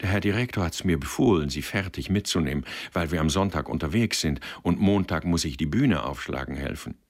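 A man's voice: low-pitched, expressive, fairly quick. A man voicing a meek, downtrodden little man who speaks humbly.

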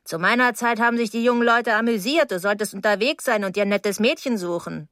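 A woman's voice: a little high, fairly quick, fairly bright tone, no room sound, studio quality, voice pushed up, close to an everyday voice. A woman voicing a nosy old landlady with heart trouble who nags and scolds while out of breath. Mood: nagging.

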